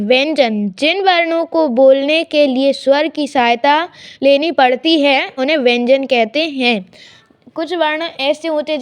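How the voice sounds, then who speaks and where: Female teacher, bright high register, slow step-by-step delivery for a grammar lesson. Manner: slow, drawn-out explanations with repeated examples.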